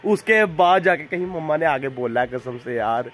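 A man's voice: fairly high pitch, expressive, moderate pace, fairly bright tone. A young man from Jammu, vlogging in a playful, joking way and talking straight to viewers. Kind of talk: casual vlog chat. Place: outdoors in a city.

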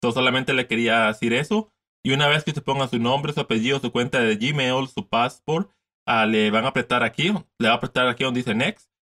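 This tutorial host, a man in his thirties, gives a casual step-by-step screen walkthrough from his desk, repeating steps and blending in English words. His mid-range voice is bright and forceful, and he talks a little fast.

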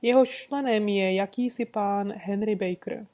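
Woman reading Sherlock Holmes, calm and suave. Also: medium pitch, close to an everyday voice. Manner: calm, courteous, sweetly insistent. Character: composed, suave gentleman detective, adult man. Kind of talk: audiobook reading.

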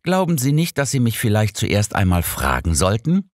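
Man acting out an older male doctor, indignant, stubborn, huffy, audiobook dialogue, lively swooping pitch. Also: moderate pace, dry recording, studio quality. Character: stubborn, easily offended older male doctor, loyal dog lover.

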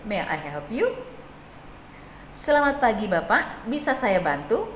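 A woman instructor gives a hospitality lesson in a plain, mid-pitched voice. She explains patiently, pausing on fillers and acting out sample greetings. The recording sounds roomy and echoey, with faint noise underneath. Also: a bit bright. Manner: explanatory, with frequent hesitation fillers; acts out sample phone greetings. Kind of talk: classroom lecture.

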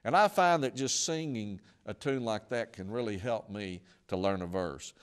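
A man's voice: lowish voice, normal speed, smooth. Emphatic male radio preacher. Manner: emphatic, repetitive lists, building to forceful climaxes. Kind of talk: broadcast sermon.

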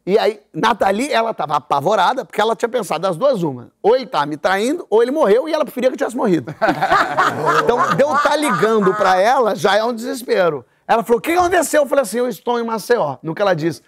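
A Brazilian man in his forties, hosting a talk show, narrates a funny mishap with lots of energy. His voice sits fairly high, and he slips in brief impressions of the people in the story. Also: fast. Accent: Brazilian Portuguese. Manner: animated anecdote telling with voiced characters. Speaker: host.

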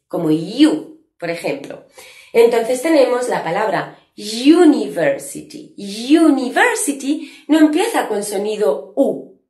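A woman's voice: mid-range voice, a little mellow, reverberant. A woman teaching an English grammar lesson online, explaining patiently and stretching out her example words.

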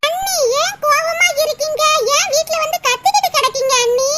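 A woman's voice: very high-pitched, moderate pace. A woman voicing a generous young girl in a cartoon, giggly and pleading. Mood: chirpy. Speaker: cartoon voice actor. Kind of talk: Tamil cartoon dubbing. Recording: loud background hiss.

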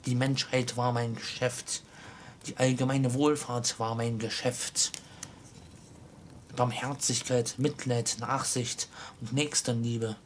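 A man reading the part of a chained ghost of an old miser, speaking in a solemn, slow, mournful way. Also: mid-range voice, little pitch movement, a little hiss or hum, lightly acted. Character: ghost of an old male miser, grave, sorrowful, bound in chains.

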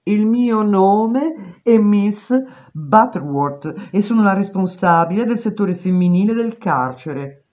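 A woman's voice: mid-range voice, expressive, darkish tone, pitched above the performer's own voice. A woman voicing a condescending old prison matron. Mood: patronizing. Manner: slow, falsely sweet, patronizing. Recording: dull lo-fi recording.

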